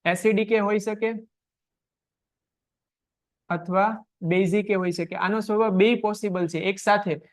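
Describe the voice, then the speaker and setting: A man teaching a science class online, asking quick questions and answering them himself. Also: sits high, fairly even intonation.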